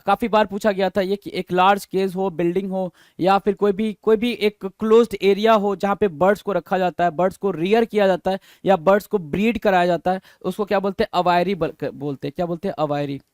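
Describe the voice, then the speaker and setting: Male vocabulary tutor, high register, repetitive question-and-answer drilling, dry close mic. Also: normal speed, dry recording. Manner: mixes Hindi and English, repeats each answer and spells it letter by letter; asks the viewer questions and answers them himself. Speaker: exam vocabulary teacher. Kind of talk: recorded vocabulary lesson.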